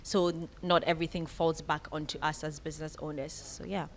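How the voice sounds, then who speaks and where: Candid, low-voiced woman guest. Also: little pitch movement, fairly quick, a little hiss or hum. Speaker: guest, creative entrepreneur. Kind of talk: radio interview conversation.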